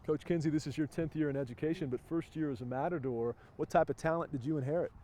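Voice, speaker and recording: A man's voice: a little high, fast talker, slight background noise. Upbeat male TV sports reporter outdoors. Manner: energetic, polished broadcast delivery. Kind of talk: upbeat on-location TV interview. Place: outdoors at a high school event.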